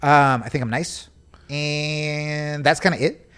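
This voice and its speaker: Smooth and on the high side, this young podcast host speaks at a slow pace. He keeps the conversation casual and comedic, jokes freely, and animatedly acts out the lines he quotes.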